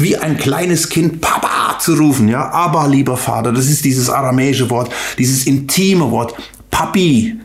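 An older man preaches with fervent emphasis, speaking directly to his listeners and doubling back on words as he presses a point. His voice sits fairly high for a man. The sound rings in an echoey church hall. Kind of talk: sermon with prayer. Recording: echoey room.

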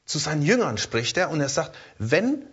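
A man preaching a sermon in a lively way, often checking in with his listeners and repeating words as he searches for the next one. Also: a little high, normal speed, breathy edge, dull audio.

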